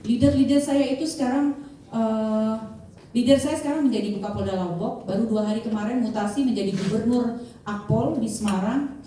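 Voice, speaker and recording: A woman of about fifty gives a motivational sharing talk to an audience, chatty and full of fillers, now and then questioning the crowd. Her voice is mellow and dark. She is picked up from far off in a strongly echoing hall with faint background ambience. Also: fairly high pitch, fairly quick, a little hiss or hum. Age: 50s. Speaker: insurance agent giving a sharing talk. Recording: distant mic, heavy room echo.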